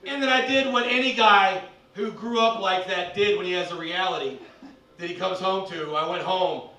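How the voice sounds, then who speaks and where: A male stand-up comedian, doing a loud, profane set that swings into shouted bits on a comedy club stage. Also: sits high, normal speed, echoey room, recorded from a distance, rough recording.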